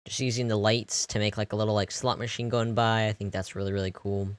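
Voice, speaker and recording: A young man casually narrating a walkthrough of his game build, relaxed and rambling with lots of fillers. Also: fairly low pitch, fast talker, smooth, no echo. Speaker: video creator.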